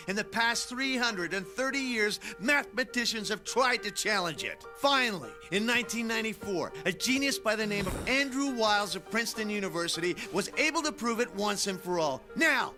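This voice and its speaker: An actor playing a passionate, idealistic math teacher in a dubbed drama, lecturing earnestly and theatrically over music. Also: male voice, high-pitched.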